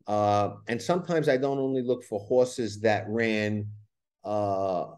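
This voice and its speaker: Low-voiced man with a Brooklyn accent. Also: darkish tone, smooth. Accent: Brooklyn New York. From New York, USA. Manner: halting, repeats words as he explains. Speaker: horse racing handicapper, interview guest. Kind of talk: conversational podcast interview.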